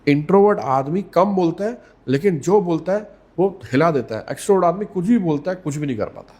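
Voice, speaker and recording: A man speaking as a communication coach in a podcast interview, measured and emphatic, repeating key words and slipping English phrases into Hindi. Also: a little high, lively intonation, darkish tone, husky.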